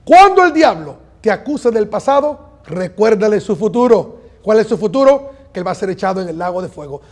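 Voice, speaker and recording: A man preaching a sermon as pastor, earnest and emphatic, repeating lines and slowing down on key phrases. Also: sits high, big pitch swings, darkish tone.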